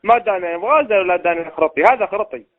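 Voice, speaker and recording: Quick, high-pitched man on a tinny phone line. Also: lively intonation, no room sound. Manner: teasing, blunt and playful. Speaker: person receiving a phone call. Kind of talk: casual phone chat.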